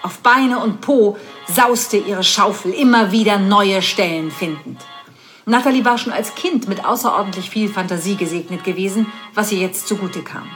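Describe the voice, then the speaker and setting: A woman reading an adult story aloud in a measured pace, with occasional slips and restarts. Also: medium pitch, a bit bright, faint music behind.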